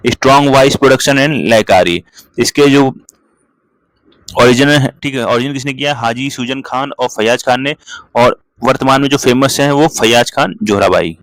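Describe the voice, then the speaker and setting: A male coaching teacher giving a fast revision lecture, rattling off lists and mixing Hindi with terms, with a constant filler of "theek hai". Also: mid-range voice, a bit bright, dry recording, poor audio. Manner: rattles off lists, switches freely between Hindi and English terms; keeps adding "ठीक है" as a filler.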